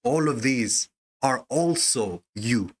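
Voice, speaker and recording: A man hosting a song reaction show, who reads out lines of sung poetry and then translates and explains them in a reflective, halting way. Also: mid-range voice, animated. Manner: halting restarts when explaining.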